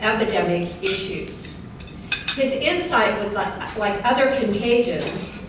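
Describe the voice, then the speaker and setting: A woman reads prepared remarks to a club meeting in an earnest, measured way. Her mid-pitched voice is caught from far off in a heavily echoing hall. A layer of noise sits behind her. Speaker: club member giving a short address. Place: large meeting hall during a lunch. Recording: echoey hall, distant mic, noisy.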